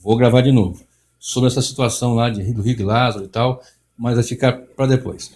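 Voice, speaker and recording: A man's voice: medium pitch, steady tone, normal speed, darkish tone. A middle-aged man, a pastor giving a Bible study in an emphatic, repetitive way with frequent restarts. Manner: emphatic, repeats and restarts, mocks others' theatrics.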